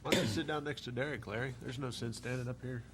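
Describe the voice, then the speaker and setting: Male meeting chair: average pitch, hesitant, informal, faint background noise. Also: fast talker. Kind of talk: informal questioning while running a public meeting.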